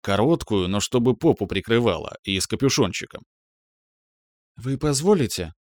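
Мужчина, спокойная аудиокнига. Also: male voice, lowish voice, fairly quick, a little mellow, dry recording, clean studio sound. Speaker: narrator. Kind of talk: audiobook narration.

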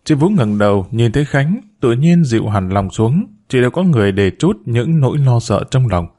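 A man hosting his own channel, reading a serialized story aloud in a measured, calm manner. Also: mid-range voice.

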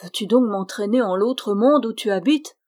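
A woman's voice: medium pitch, moderate pace, darkish tone, close to an everyday voice. A woman voicing a loyal middle-aged male squire who speaks earnestly and with worry. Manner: earnest, troubled.

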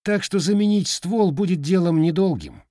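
A man narrating an adventure story in an even storytelling manner. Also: sits high, normal speed, no room sound, clean studio sound. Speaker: audiobook narrator. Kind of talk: scripted narration.

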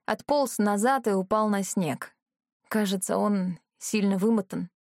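A woman reading a first-person fantasy audiobook in a measured, earnest way. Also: medium pitch, a little mellow, no echo, clean studio sound. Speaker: audiobook narrator.

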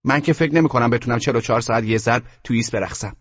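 A man's voice: mid-range voice, slightly rough, dry recording, pitched above the performer's own voice, natural voice. A man voicing a doubtful young man chatting casually, on a dull lo-fi recording.

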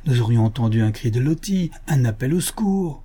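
A man voicing a brave frontier hunter who gives loud commands to his men in a read adventure story. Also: medium pitch, expressive, fairly quick, breathy edge. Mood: furious.

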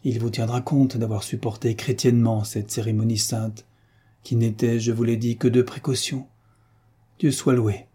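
Man reading as a stern, unctuous priest, husky, mellow, audiobook. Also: mid-range voice, level tone, moderate pace, lightly acted. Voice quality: oily, smooth-talking and stern. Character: unctuous scheming older male priest.

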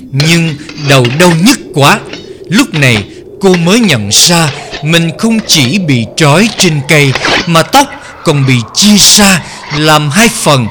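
A man narrating a horror story in a slow, dramatic storytelling manner. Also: on the high side, background noise.

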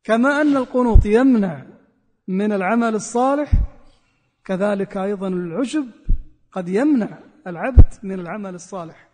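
High-voiced man preaching in a hall. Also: normal speed, long pauses, darkish tone. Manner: repeats key phrases for emphasis. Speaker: Islamic preacher. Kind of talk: sermon.

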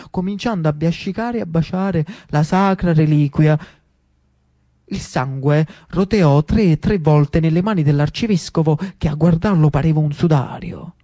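A storyteller telling a tale in an ironic, lively theatrical monologue. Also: medium pitch. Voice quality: animated, ironic, with dialect turns.

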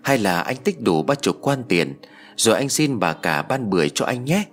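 A man's voice: fairly low pitch, very animated, moderate pace, faint music behind. A man voicing a teasing young servant lad.

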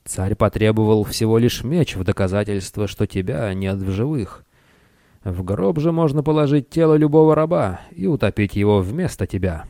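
A greedy scheming merchant speaks with a hoarse rasp and a slight lisp, voiced by a man. He wheedles and hisses, his tone darker and more mellow than bright. The audiobook voice sits close and dry. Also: lowish voice, expressive, moderate pace, dry recording, lightly acted. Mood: hushed. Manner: wheedling, menacing hiss.

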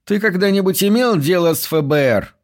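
A man voicing a mannered, pompous police captain with a squeaky voice and a falsely hearty, condescending manner. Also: lively intonation, brisk.

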